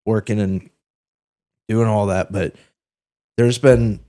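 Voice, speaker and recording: A man's voice: on the low side, steady tone, takes it slowly, dark tone, no room sound, clean studio sound. A man co-hosting a podcast in casual chat, rambling and swearing freely, a bit under the weather. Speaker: podcast co-host.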